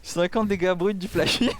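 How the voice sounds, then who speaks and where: A man giving excited esports caster play-by-play, full of repeated exclamations. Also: high-pitched, clean tone. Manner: exclamatory, with repeated cries of dismay and amazement.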